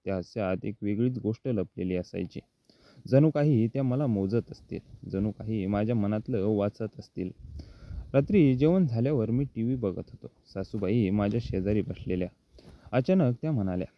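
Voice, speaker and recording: A man telling a first-person story in a measured, steady narrating voice. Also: fairly low pitch. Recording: dull, lo-fi dry recording.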